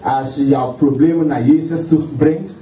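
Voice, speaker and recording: A man's voice: fairly high pitch, steady tone, mellow. A man preaching a sermon with fervor, often repeating words and stopping to say hallelujah. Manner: fervent, halting, punctuates with hallelujah, many repeated words. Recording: distant, roomy, dull sound.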